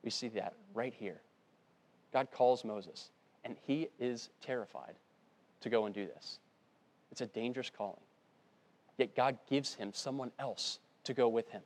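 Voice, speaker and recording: A man preaching a sermon, earnest, often dropping to a soft, low voice to stress a point. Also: a little slow, long pauses. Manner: earnest, drops to a hushed low voice for emphasis. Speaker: pastor.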